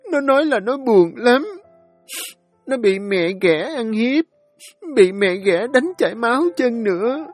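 Male narrator voices a scared little kid, high and weepy, begging, in a storybook reading. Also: dry recording, exaggerated voice. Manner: tearful, pleading, childlike. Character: small frightened child crying for its mother.

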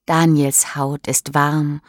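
Woman narrator for a learners' audiobook, clear and very unhurried, dry close studio sound. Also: low-pitched, level tone, no echo. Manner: slow, clear and measured. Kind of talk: scripted narration of a graded reader.

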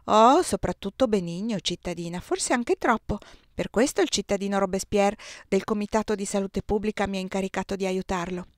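A woman reading aloud and voicing a polite, ironic young official in a slightly lowered, measured voice. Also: no echo, studio quality, lightly acted. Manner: lower, quieter, measured delivery.

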